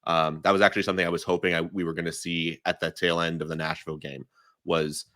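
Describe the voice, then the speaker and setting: Bright, emphatic man on a podcast. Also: low voice, level tone, fast, no room sound, clean studio sound. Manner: emphatic, opinionated, with frequent restarts. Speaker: guest analyst. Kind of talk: casual podcast chat.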